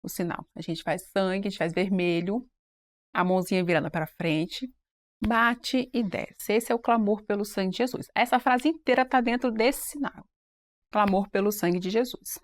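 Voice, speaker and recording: A woman presenting on a church program, explaining sign language in a relaxed, quick, animated way. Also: mid-range voice. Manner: self-described fast-paced, animated explainer. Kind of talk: casual panel chat.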